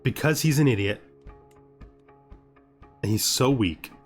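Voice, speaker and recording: A series host talks slowly in a medium-pitched voice, giving gaming commentary and thinking aloud as he plays after a scripted intro narration. Background music plays underneath.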